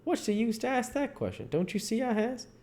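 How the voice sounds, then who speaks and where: Man voicing Jim, earnest folksy man, pitched up. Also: big pitch swings, a little fast, a little mellow, exaggerated voice. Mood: proud. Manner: folksy, emphatic, dialect-heavy speech. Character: Jim, superstitious runaway man in old American South, earnest. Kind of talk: storybook character reading. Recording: audible background noise.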